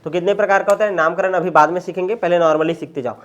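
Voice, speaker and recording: High-voiced man teaching chemistry. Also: fairly even intonation, very fast, a bit bright, muffled recording. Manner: keeps asking students questions and repeating answers; casual, folksy asides. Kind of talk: classroom lecture.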